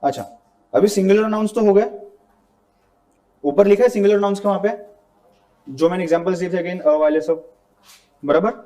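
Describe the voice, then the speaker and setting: Speaking at normal speed with long pauses, this male teacher has a high-pitched voice with a dark tone. His classroom grammar lecture is casual, blending English terms into Hindi, and he frequently checks that students are keeping up.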